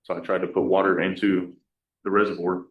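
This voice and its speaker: A man speaks as a defendant, hesitant and soft-spoken, often restarting his sentences. His voice is very low and flat, and it reaches the mic from far off in an echoey courtroom. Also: fairly quick, phone-quality sound, slight background noise. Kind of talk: answering in court.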